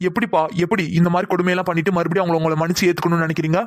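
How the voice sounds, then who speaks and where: Male cartoon voice, family quarrel scenes, flat monotone delivery. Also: sits high, racing, no echo. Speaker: cartoon voice artist voicing several male family members. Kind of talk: animated family drama dialogue.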